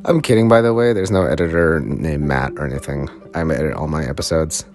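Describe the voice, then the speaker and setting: A man with a very low voice talks through his solo podcast in a loose, rambling way. He trips over his words, restarts, and laughs at his own slips. Faint music plays quietly underneath. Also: fairly quick. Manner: rambling, self-mocking, stumbles and laughs. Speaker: podcast host. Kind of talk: casual solo podcast talk.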